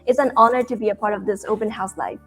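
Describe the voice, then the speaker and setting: A woman's voice: mid-range voice, steady tone, fast talker, breathy edge, faint music behind. A young woman with a Burmese accent, introducing herself as a student speaker at an online open house. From Myanmar. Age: young adult.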